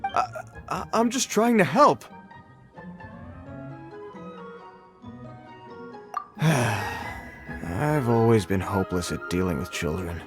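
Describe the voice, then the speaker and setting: A man's voice: fairly low pitch, sing-song, unhurried, music in the background. A man playing a formal, dutiful, well-meaning soldier in a video game, with stately manners and an easily flustered air. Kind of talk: English video game voice acting.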